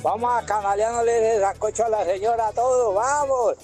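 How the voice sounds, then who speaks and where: A playful man calls in to a radio show. His voice is high and chanty. Faint music sits behind him. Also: steady tone, normal speed, darkish tone. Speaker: caller.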